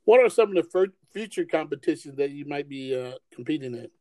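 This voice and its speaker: A man hosts a podcast interview with a mellow, dark tone. He asks friendly questions that often stall and restart, and the recording is dry and close. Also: a little high, animated, a little fast, dry recording, poor audio. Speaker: podcast host.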